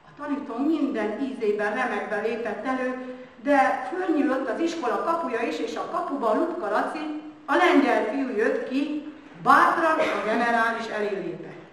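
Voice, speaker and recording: A woman's voice: on the high side, lively intonation, a bit bright. A woman reciting a story earnestly and dramatically at a commemoration, recorded from a distance. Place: large hall at a village celebration. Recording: echoey hall, distant mic, faint noise.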